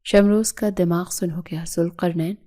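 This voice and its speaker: A woman narrating a dramatic audio story in a steady, emotive way. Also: on the low side.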